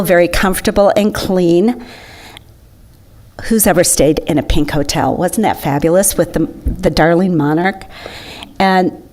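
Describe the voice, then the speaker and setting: A woman's voice: fairly low pitch, darkish tone. A woman giving an enthusiastic, chatty slideshow talk to an audience. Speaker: presenter.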